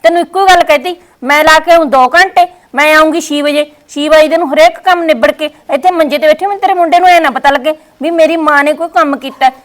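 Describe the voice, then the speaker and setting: A woman's voice: high-pitched, fast, few pauses, close to an everyday voice. Woman playing a bossy Punjabi daughter-in-law. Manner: commanding, scolding. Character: bossy young daughter-in-law, domineering and scheming. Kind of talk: scripted family skit.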